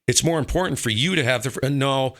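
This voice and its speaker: Here the northern American host of a ham radio show speaks a little fast in a mid-range, fairly bright voice. His talk about radio operating is casual but opinionated, with emphatic restatements of his points.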